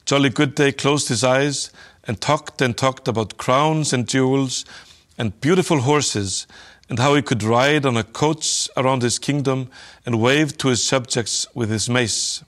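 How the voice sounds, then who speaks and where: Man, storyteller, children's story read aloud, gentle telling, middle pitch. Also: unhurried. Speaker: storyteller reading a children's book.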